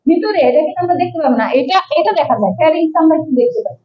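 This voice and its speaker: Casual: young bangladeshi-accented lady teacher, keeps quizzing the class and repeating terms, kinda high pitched. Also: expressive, rapid-fire, dull audio. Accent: Bangladeshi Bengali. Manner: explains patiently, asks questions and repeats key terms. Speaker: medical instructor. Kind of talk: classroom lecture.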